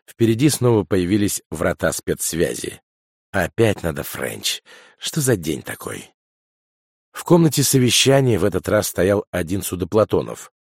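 A man narrates an audiobook in a steady, even storytelling voice sitting on the lower side. The recording is close and dry, with no room sound. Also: normal speed, creaky, breathy edge, no echo.

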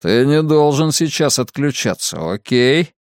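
A man voicing a calm, menacing masked torturer who taunts his captive in a slow, drawn-out way, in an audiobook. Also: mid-range voice, dry recording, clean studio sound. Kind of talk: audiobook character reading.

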